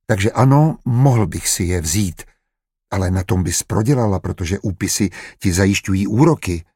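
A man reading aloud voices a gentle, measured middle-aged estate official. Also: low-pitched, expressive, slightly rough, no echo, clean studio sound, heavily acted.

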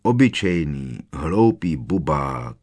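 A calm middle-aged wizard in an audiobook, speaking low and hollow to soothe, as a male narrator puts him on. The voice sits clearly below the narration, slow and quiet. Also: full character voice. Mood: soothing.

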